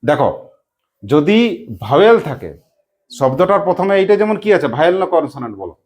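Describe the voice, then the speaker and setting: A teacher giving a classroom lesson, quizzing pupils with repeated questions and briskly praising correct answers. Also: mid-range voice, sing-song, a little mellow.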